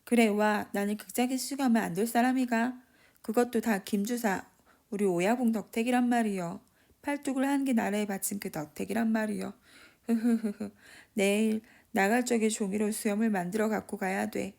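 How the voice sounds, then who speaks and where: A man's voice: high voice, fairly even intonation, fairly quick, creaky, darkish tone. A woman voicing a drunken, boastful one-armed father who rambles and scolds in Gyeongsang dialect.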